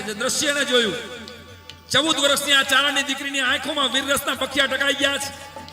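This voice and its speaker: A man who tells folk stories on stage. He chants verse in a loud, rhythmic way, then drops into joking chat. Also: very high voice. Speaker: folk storyteller and stage humorist. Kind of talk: live stage storytelling with recited folk poetry. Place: stage before a live audience. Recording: roomy live hall with faint music.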